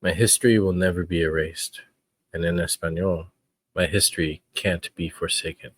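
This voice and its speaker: A man hosting his own podcast, talking in an earnest, reflective way with frequent pauses. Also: deep voice, steady tone, breathy edge, no echo. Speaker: podcast host. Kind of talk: casual podcast commentary.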